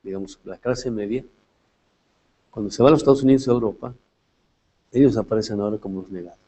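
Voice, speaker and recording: A Latin American man with a lowish, warm voice talks fast in a rough recording. He delivers a reflective philosophy lecture, often tagging points with questions and restarting his phrases.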